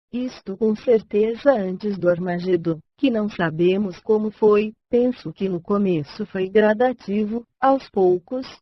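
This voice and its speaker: A computer-generated woman's voice with a Brazilian accent narrates a scripted story at a medium pitch. The reading is measured and plainly synthetic. The sound is dry, with no room around it, and a little dull and lo-fi. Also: no room sound. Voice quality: synthesized text-to-speech voice.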